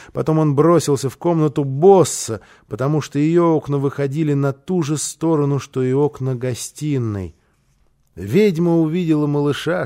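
Expressive male storyteller reading a children's tale. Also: fairly high pitch. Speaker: narrator. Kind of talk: audiobook narration of a children's story.

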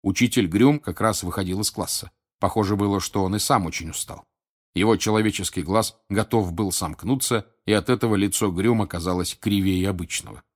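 A man narrating an audiobook in a calm, measured reading voice. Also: fairly low pitch. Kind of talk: scripted narration.

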